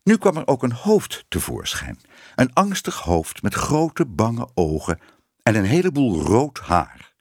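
A man's voice: medium pitch, huge pitch swings, unhurried, a little mellow, dry recording, studio quality. A man reading a children's story aloud as narrator, voicing the characters expressively.

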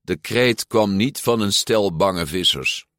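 A man narrating a children's storybook in a measured, expressive read-aloud manner. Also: lowish voice, dry recording, clean studio sound. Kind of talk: storybook reading.

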